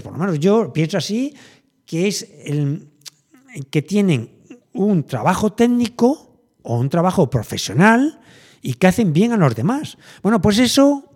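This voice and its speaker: A middle-aged man from Spain chats casually and thinks aloud, rambling with lots of fillers and restarts. His voice is high and a little mellow.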